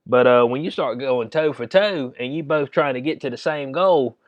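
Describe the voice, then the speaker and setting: A man with a Southern American accent delivers casual sports commentary as a comedic rant. His voice sits at a middling pitch, and he talks in slang with an incredulous, chuckling manner. The sound is dry, with very little room in it. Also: normal speed, no echo, lo-fi sound.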